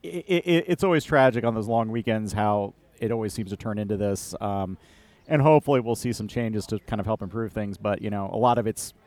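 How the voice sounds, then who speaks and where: A man chats about local news on a podcast, his voice fairly low and the sound dry and close. He talks in a relaxed, unhurried way and stops often to restart a thought. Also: no room sound. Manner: relaxed, halting, many fillers and restarts. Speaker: podcast co-host. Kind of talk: casual political chat. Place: outdoor beer garden.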